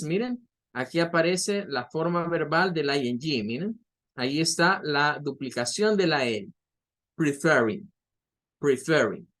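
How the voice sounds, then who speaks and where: Man, Spanish first language, English teacher, patient, repeats key points, spells out words slowly. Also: on the high side, fairly bright tone. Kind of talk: online grammar lesson.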